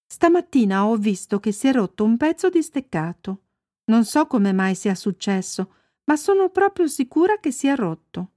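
A woman voicing a gentle, worried mother who explains things calmly in a story. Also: a little high, moderate pace, dry recording, studio quality. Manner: calm, careful explaining.

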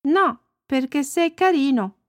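A woman voicing a small eager girl in a storybook reading, high and excited. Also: slow, no room sound, studio quality.

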